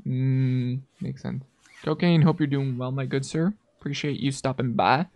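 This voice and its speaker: Chatting casually with a guest, a livestream host speaks at a moderate pace in a steady, darkish, mid-range voice. The host stays informal and encouraging and keeps dropping in "man."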